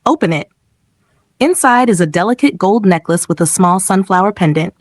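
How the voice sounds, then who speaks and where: Woman storyteller, first person, plain steady read, dry close sound. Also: medium pitch, fairly quick, no echo. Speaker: narrator.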